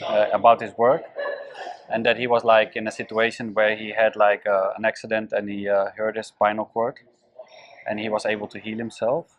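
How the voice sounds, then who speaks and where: A man from the Netherlands, answering interview questions hesitantly and filling his pauses with "um.". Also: fairly low pitch, rough recording. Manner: hesitant, many fillers. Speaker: guest, event volunteer.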